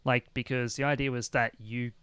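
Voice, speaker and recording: A man's voice: mid-range voice, flat delivery, normal speed, fairly bright tone. A man hosting a casual podcast chat, rambling with many restarts. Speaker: podcast host.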